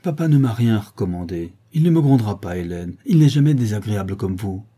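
A man's voice: on the low side, animated, brisk, mellow, breathy edge. A man reading aloud and voicing a spoiled, saucy thirteen-year-old girl who talks back in a pleading, petulant way.

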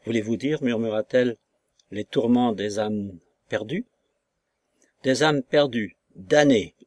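A man's voice: medium pitch, expressive, normal speed, no room sound, clean studio sound, close to an everyday voice. A man reading the lines of an anxious, kindly middle-aged housekeeper in an audiobook, in a pleading, frightened manner. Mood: horrified.

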